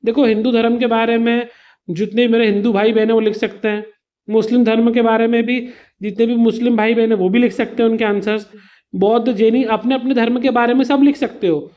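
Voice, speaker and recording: The lo-fi clip features a man with an extremely high pitch, little pitch movement, and a slightly quick delivery. Teaching students an exam revision lesson, he explains patiently through simple examples, refers to them as "beta," and weaves English words into his explanations.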